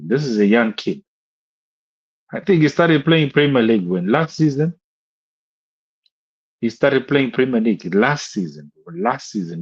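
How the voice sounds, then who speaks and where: A man's voice: mid-range voice, husky, muffled recording. A young man on a live stream, ranting about a football match, repeating himself in exasperation and tossing in "bro" constantly.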